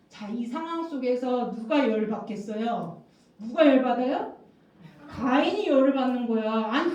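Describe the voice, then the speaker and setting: A woman pastor giving a lively children's sermon, coaxing the kids with questions and repeating key words. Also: sits high, recorded from a distance. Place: church worship room. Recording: very echoey room, voice from off-mic, dull sound.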